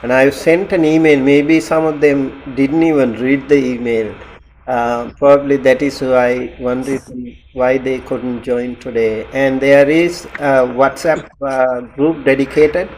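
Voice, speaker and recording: A man talks slowly and haltingly over a video call, pausing often on fillers as he teaches an online class. His pitch sits in an ordinary middle range. A faint hum of background noise sits under his voice. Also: flat delivery, a little mellow, rough recording. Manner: slow, hesitant with many fillers, laughs often. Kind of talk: casual online class talk.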